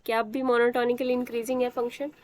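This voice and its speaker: A woman's voice: a little high, level tone, a little fast, darkish tone, slight background noise. A young woman teaching a math class, explaining step by step and quizzing students as she goes. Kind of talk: live online math class.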